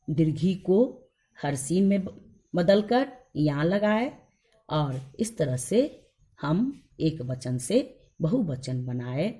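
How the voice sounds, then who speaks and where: A woman schoolteacher giving a grammar lesson to young children, slowly repeating each rule and example and speaking fondly to her pupils. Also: fairly low pitch, mellow. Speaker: school teacher.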